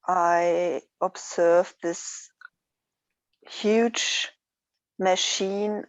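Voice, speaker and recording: A woman from Switzerland, sharing her personal experience in a group, hesitant and thoughtful with many pauses. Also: lowish voice, no echo, muffled recording. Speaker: workshop participant.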